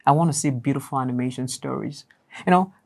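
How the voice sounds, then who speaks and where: Young guy w/ a boyish not deep voice chatting in an interview. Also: fast, vocal fry, darkish tone. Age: young adult. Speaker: interview guest, voice actor and writer. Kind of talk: casual interview talk.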